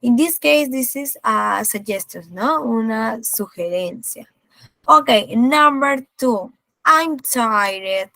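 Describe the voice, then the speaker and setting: A woman's voice: fairly high pitch, expressive, very slow, creaky, pushed and bright, no room sound. A woman teaching English in an online class over a video call. She explains each point in English, repeats it in Spanish, and checks in with a tag question after nearly every phrase.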